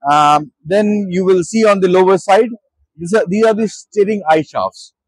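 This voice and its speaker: Touring his stall in a busy exhibition hall, a managing director at a trade show walks visitors through his products in Indian English. His husky voice is high and moderately paced, and he's hesitant, full of fillers and restarts. The audio is poor and dry.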